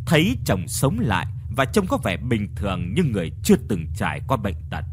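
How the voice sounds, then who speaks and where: A man's voice: fairly low pitch, big pitch swings, a little fast, background noise. Guy reading a ghost story, dramatic, voice swings a lot. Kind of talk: scripted horror story narration.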